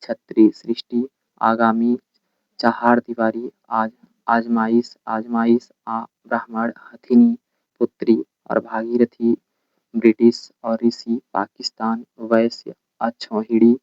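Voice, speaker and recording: A man teaching an exam coaching lesson, rapidly reading out word lists and pointing out the correct spellings. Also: mid-range voice, monotone, a little mellow, dry recording, dull audio.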